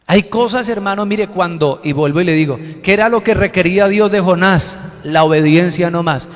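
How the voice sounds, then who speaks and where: A man preaching a sermon as pastor, animated and joking. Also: high-pitched, normal speed. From Colombia. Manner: animated, joking, acts out quotes. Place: church hall. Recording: reverberant hall sound.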